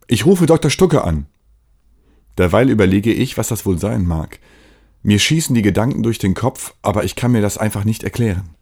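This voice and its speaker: A man with a low, husky voice reads out his own story. He narrates in the first person, plain and steady, from a prepared script. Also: fairly quick.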